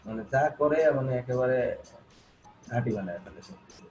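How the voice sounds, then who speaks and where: A man teaching a graphic design class, walking through software tools step by step, repeating himself and coaxing learners to look closely, with many fillers and restarts. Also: medium pitch, animated, fairly quick, faint music behind, low-quality recording. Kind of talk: screen-recorded software tutorial.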